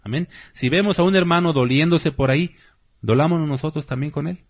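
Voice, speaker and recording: A male pastor, his voice a little husky and pitched slightly high for a man. He preaches in a loose, conversational way and keeps tossing rhetorical questions at his congregation. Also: a little fast. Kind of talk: sermon.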